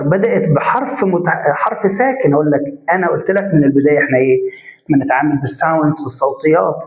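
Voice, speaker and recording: A man with an Egyptian Arabic accent teaching a grammar lesson step by step, putting questions to the class and answering them himself, and stretching out example sounds. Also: a little high. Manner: drawn-out spoken examples. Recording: echoey room, dull lo-fi sound.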